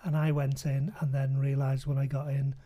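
A man's voice: mid-range voice, monotone, moderate pace, mellow. A man hosting a casual podcast chat, talking in a chatty way and often ending his points with tag questions. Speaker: podcast host.

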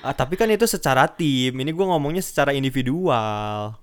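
A young man talks in an easy, joking way, often breaking into laughter. His voice is smooth and clean, at an average pitch for a man. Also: lively intonation, a little fast. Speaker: host, futsal coach. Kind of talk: casual chat.

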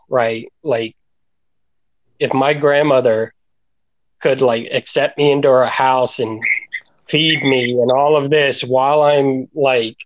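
A man's voice: medium pitch, no echo. A man talks openly and earnestly on a recovery podcast, rambling through his thoughts with plenty of filler words. His voice sits in a middle range and sounds dry and close. The recording is a little dull and lo-fi. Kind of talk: casual sharing in group talk.

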